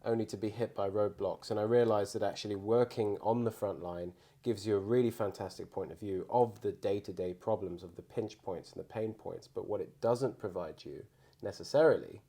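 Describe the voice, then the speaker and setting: A man's voice: on the low side, a little fast, mellow. A man giving conversational answers as a guest surgeon on a podcast.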